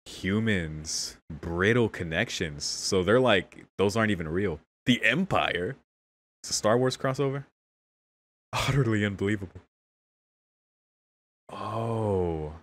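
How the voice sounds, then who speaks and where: A man's voice: lowish voice, expressive, slow pace, long pauses, fairly bright tone. A young man hosting a casual anime reaction, exclaiming candidly, often laughing and swearing. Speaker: anime reaction channel host.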